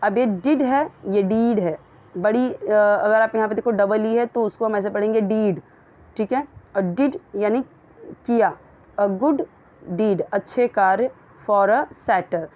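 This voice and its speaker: Woman English tutor, patient and repetitive, unhurried delivery, slightly dull lo-fi sound. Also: mid-range voice. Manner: patient, repeats and translates each phrase, reads English words slowly. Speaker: English teacher. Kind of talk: explaining a story line by line in Hindi.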